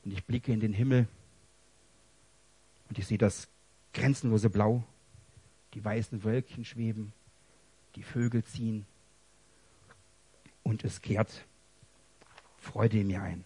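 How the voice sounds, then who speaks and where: Husky man giving an emotional testimony. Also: on the low side, fairly even intonation, takes it slowly, long pauses, no room sound. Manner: emotional, dramatic swings between hushed and loud. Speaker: preacher. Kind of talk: personal testimony sermon.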